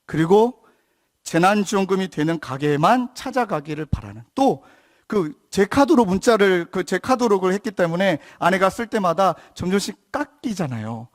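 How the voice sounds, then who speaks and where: A man in his thirties, a pastor, preaching a sermon as a story and dropping to a soft hushed voice when he quotes others. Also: sits high, sing-song, moderate pace.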